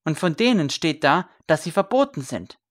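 A woman's voice: on the low side, animated, moderate pace, voice pushed up. A woman voicing a fervent young scribe. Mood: defiant. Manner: earnest, fervent, challenging. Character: young man, former royal scribe, zealous and defiant.

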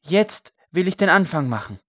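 A man voicing a gaunt condemned priest who preaches loudly to a crowd. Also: sits high, sing-song, moderate pace, no room sound, clean studio sound, voice pushed up, exaggerated voice. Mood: fervent. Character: gaunt condemned male priest, fervent and forgiving.

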